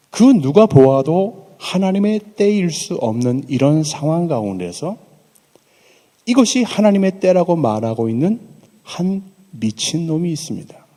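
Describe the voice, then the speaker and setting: Male pastor, mellow and slightly high voice, dramatic storytelling sermon, long hall reverb. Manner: animated storytelling, acting out dialogue in modern slang. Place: chapel.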